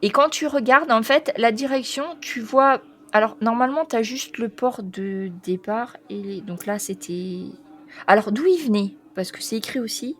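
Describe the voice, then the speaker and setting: A woman acting as game master for a tabletop role-playing game reads out a long list, pausing often and using fillers. Her voice is a little high and a bit bright, and she stumbles haltingly over the foreign names.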